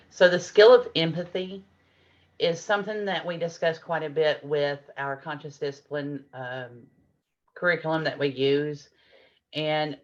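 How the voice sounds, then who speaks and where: Speaking low in a lo-fi recording, a middle-aged woman leads a parenting workshop. She explains with warmth and patient examples, performing what grown-ups and kids say.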